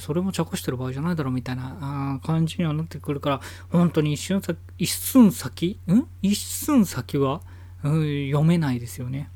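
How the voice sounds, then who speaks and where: A man's voice: a little high, warm tone, dry recording. A man hosting his own podcast from home, rambling casually with many fillers. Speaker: podcast host. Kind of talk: casual solo podcast talk.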